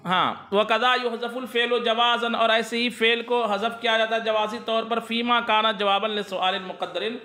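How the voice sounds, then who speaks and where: Male grammar teacher, keeps quizzing the class, sharp bright tone. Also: extremely high pitch, fairly even intonation, moderate pace, hardly any pauses, roomy sound. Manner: asks students questions and answers them himself. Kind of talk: classroom lesson explaining a text.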